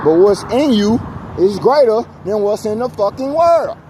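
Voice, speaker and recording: Walking outdoors along a street, this American vlogger sounds exasperated as he vents and preaches, repeating himself in a casual, emphatic way. He has a high, expressive voice at a normal speed. Street noise comes through on the handheld recording.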